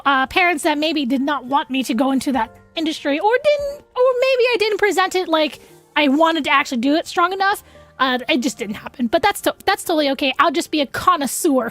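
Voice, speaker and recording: A young woman hosting a game livestream in casual, rambling, excitable chatter full of filler words. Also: high voice. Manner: effusive, excitable asides.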